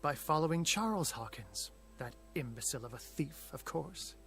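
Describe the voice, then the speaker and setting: An actor playing an aloof male occultist in a video game, speaking in a haughty, measured and condescending way. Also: a little high, expressive, fairly bright tone. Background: game music.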